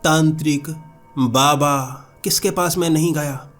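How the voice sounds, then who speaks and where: A man's voice: fairly high pitch, steady tone, a little slow, fairly bright tone. A man narrates a first-person horror story with dramatic flair. His voice climbs sharply at tense moments. Faint music runs underneath.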